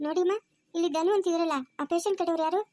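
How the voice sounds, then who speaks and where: A woman's voice: very high voice, level tone, racing, dry recording. A woman playing a stern, scolding hospital nurse. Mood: businesslike. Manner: scolding, sharp questions.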